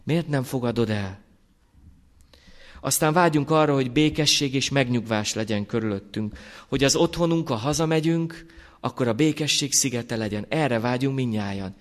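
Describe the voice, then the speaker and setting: A middle-aged man delivers a sermon to a church congregation, speaking in a mid-pitched voice. He keeps turning to his listeners with direct questions, and his voice sinks low when he admits his own shortcomings. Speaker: pastor.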